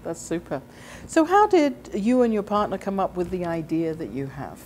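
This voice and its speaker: A woman interviewer with a fairly low voice and a soft, mellow tone. She asks her questions in a friendly but halting way, with frequent ums and restarts. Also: big pitch swings, a little hiss or hum. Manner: friendly, halting, with many fillers.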